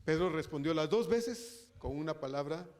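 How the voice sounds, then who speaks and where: In an animated, somewhat high voice and at a moderate pace, a pastor preaches to his church congregation. He asks rhetorical questions, frequently adds tag questions, and calls the people listening brother.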